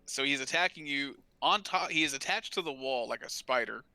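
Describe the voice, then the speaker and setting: A man's voice: mid-range voice, a little fast, gravelly, bright, forceful tone, dry recording. A man running a live tabletop game as dungeon master, plainly narrating what the monsters do.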